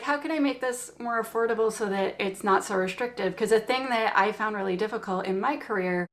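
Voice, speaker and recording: A Canadian woman, a guest in a casual interview, telling stories with lively acted-out quotes. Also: medium pitch, vocal fry. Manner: animated storytelling, acts out quotes.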